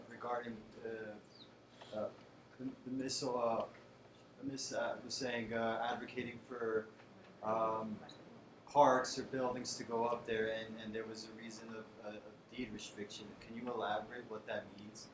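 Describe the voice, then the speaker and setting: A man's voice: on the low side, little pitch movement, moderate pace. A man asking an impromptu public question as a resident, hesitant and searching for his words. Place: indoor council meeting room. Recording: echoey room, clear background noise.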